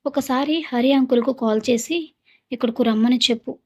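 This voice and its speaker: A woman's voice: high-pitched, moderate pace. A woman voicing a sorrowful jailed mother. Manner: sorrowful, pleading. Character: imprisoned mother, sorrowful and protective.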